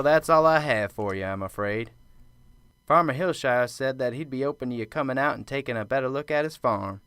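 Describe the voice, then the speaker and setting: In an amateur radio drama with faint music in the background, a man with a mid-range voice plays a soft-spoken, pious small-town reverend. His acting is light, and he rambles earnestly in a gentle, devout, wordy manner.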